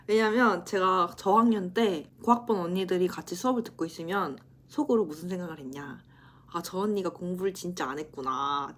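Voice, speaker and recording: Chatting casually to the camera for her vlog, a university student in her twenties speaks in a mid-range voice. She teases herself and laughs easily.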